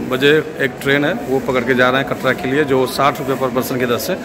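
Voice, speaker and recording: A man's voice: mid-range voice, little pitch movement, fairly quick. Man vlogging at arm's length outdoors. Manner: explains routes and fares to viewers, addresses them as friends. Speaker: travel vlogger. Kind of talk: casual travel vlog. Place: outdoors at a railway station and at an open train door. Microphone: camera held at arm's length. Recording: noisy outdoor and train ambience.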